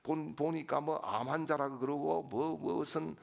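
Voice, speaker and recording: A middle-aged man preaching a sermon as pastor, building to shouted refrains and telling humorous stories with voices. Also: fairly high pitch, steady tone, a little slow, creaky.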